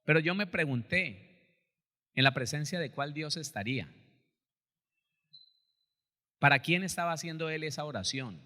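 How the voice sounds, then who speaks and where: A male pastor tells a story from the pulpit in an animated sermon, acting out the voices of the people in it. His voice is forceful and tense, sitting a little high for a man. It rings through an echoey church hall. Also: a little slow, long pauses. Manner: animated, acts out quotes, addresses listeners as brother.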